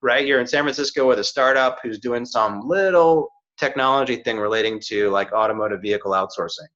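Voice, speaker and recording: Brisk and earnest, a middle-aged man coaching on careers keeps checking in with "you know" and "right?" during a casual chat. His voice is mid-range and fairly bright, recorded on slightly muffled, dull audio.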